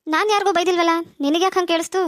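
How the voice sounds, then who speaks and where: A woman's voice: extremely high pitch, steady tone, rapid-fire, dry recording, clean studio sound. A woman voicing a bossy, sassy teenage girl who bickers with her brother in a cartoon. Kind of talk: cartoon voice acting.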